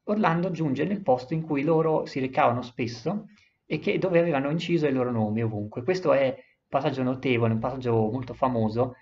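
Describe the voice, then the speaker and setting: A man walks listeners through an epic poem in plain, mid-pitched speech, and he often pauses and corrects himself partway through a phrase. The recording sounds a little dull and lo-fi. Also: darkish tone. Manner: frequent hesitations and self-corrections. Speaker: literature presenter. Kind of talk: explaining and reading epic poetry aloud.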